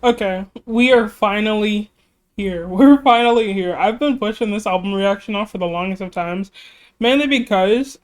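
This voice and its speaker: In a casual reaction video chat, a music YouTuber speaks at normal speed in a mid-range voice, rambling, laughing often, and apologizing. Their manner is self-deprecating, and their voice is slightly fading.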